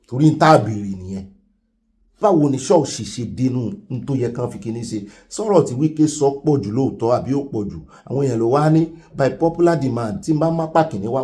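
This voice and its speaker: Man, host, news commentary, quick pace, conversational, talks to viewers. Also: mid-range voice, dark tone. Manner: conversational, addresses viewers directly.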